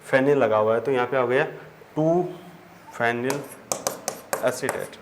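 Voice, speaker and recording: A man's voice: mid-range voice, measured pace. A man, teaching chemistry at a board, explaining step by step and answering his own questions. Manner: addresses students as children. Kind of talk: whiteboard lesson. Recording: faint background noise.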